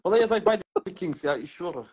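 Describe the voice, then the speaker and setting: Animated high-voiced man, teasing and slangy. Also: fairly quick, creaky, breathy edge. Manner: teasing, slangy with Arabic interjections. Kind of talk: casual livestream banter. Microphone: phone, video call livestream.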